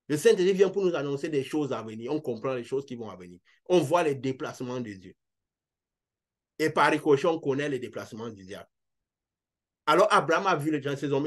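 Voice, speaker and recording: Casting: male preacher, fairly high voice, earnest sermon delivery with swings of emphasis. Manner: earnest, repetitive, rising and falling emphasis.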